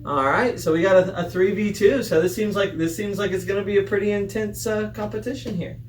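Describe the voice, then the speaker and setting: Casting: man, high voice, informal tasting-show host; echoey room with faint noise. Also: steady tone, fairly quick. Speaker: host of a snack tasting review. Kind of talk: casual group chat, hosting a food review. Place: room with a group of tasters. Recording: roomy echo, distant mic, faint noise.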